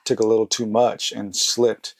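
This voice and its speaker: A man's voice: on the low side, little pitch movement, normal speed, vocal fry, no echo. A man hosting a casual podcast interview, laid-back and swearing freely as he talks. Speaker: podcast host.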